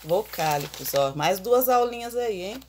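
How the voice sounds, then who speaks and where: A woman teacher giving an online grammar lesson, explaining slowly and putting questions to the class. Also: mid-range voice, animated, darkish tone, a little hiss or hum.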